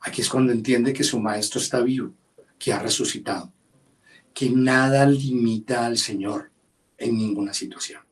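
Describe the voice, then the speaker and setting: A male pastor preaching a sermon, quoting scripture and acting out the voices with expressive emphasis. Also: medium pitch, moderate pace, distant mic. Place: church service livestream.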